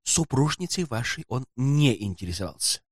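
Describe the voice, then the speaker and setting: A man voicing a sly, greedy hotel porter who talks in a folksy, servile, hushed way in an audiobook. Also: mid-range voice, sing-song, normal speed, no room sound, clean studio sound. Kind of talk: audiobook character voice.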